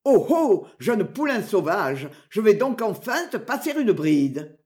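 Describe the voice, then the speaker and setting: A woman puts on a brutal sergeant gloating over his victim. The voice sneers and taunts with a lively, rising swing. It is a spoken storybook reading. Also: medium pitch, measured pace. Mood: sneering. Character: brutal mocking male sergeant.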